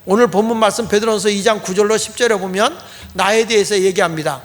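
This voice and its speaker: A man's voice: high-pitched, fast talker. A middle-aged man preaching a Sunday sermon as pastor, explaining in a plain way and repeating key phrases for emphasis. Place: church sanctuary. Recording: long hall reverb.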